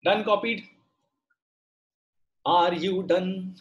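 A middle-aged male teacher speaks with a South Indian accent in a moderately high voice. He explains things step by step in a conversational way, often repeating a phrase and stopping to ask short questions of his students. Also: fairly even intonation, extremely slow, lo-fi sound. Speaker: maths teacher. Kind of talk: online lesson, explaining step by step. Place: indoor room, online class on a computer.

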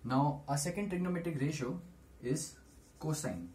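A young man teaching maths at a whiteboard in a small room, explaining deliberately in short steps. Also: fairly high pitch, darkish tone. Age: teens to young adult. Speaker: maths tutor. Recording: noisy small-room camera recording.

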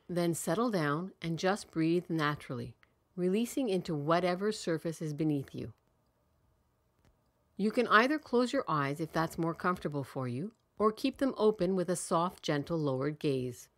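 In a calm, low-leaning voice, a woman guides a meditation at a measured pace. She soothes her listeners and lets long pauses fall between her phrases.

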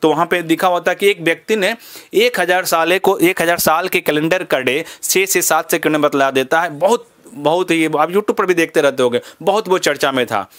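A man's voice: fairly high pitch, moderate pace, a bit bright, dry recording. A young man from Bihar teaching as a memory trainer in a live class, rattling off numbers at speed and mixing English into his Hindi. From Bihar, India. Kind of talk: fast live class demonstration.

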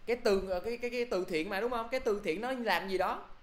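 A man's voice: sits high, fast, reverberant, slight background noise. A male teacher quizzing his class through an English review, often checking if they follow. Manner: quizzing students, repeating "được chưa?".

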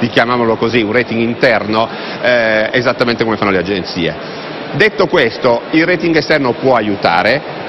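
A man, a fund manager answering interview questions with frequent hesitations. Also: mid-range voice. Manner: hesitant, many fillers and restarts. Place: convention hall TV set, indoors. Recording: muffled broadcast audio with background noise.

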